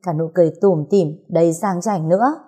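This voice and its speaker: A woman's voice: on the low side, brisk, mellow, breathy edge. A woman playing a doting old grandpa. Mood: coaxing. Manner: fawning, coaxing.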